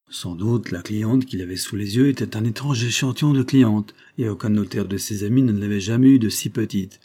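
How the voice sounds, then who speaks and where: Husky, dark-voiced man narrating a novel. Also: on the low side. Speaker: audiobook reader. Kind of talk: literary narration.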